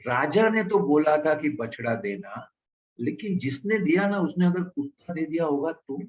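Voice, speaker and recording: A man's voice: a little high, animated, normal speed, close to an everyday voice. Man telling a story as a fretful young village boy. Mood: worried. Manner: fretful, talking to himself. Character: young village boy, naive then anxious. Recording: distant dull lo-fi mic.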